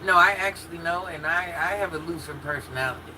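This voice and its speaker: A woman in her fifties hosts a relaxed livestream, chatting openly with her viewers and reacting to their comments. She talks candidly and laughs easily. A steady air-conditioning hum runs under her voice. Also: fairly low pitch, fast. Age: 50s. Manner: chatty and candid, talks straight to chat with frequent laughs and restarts. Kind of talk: casual chat.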